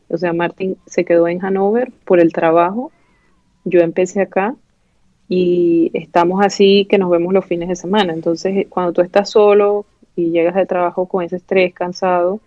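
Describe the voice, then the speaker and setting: A Venezuelan woman in her thirties, a pathology resident appearing as a guest, talks candidly in a casual interview, full of fillers and restarts. Her voice sits fairly low, and she speaks with a Venezuelan Spanish accent. The recording is dry, with a dull, lo-fi sound.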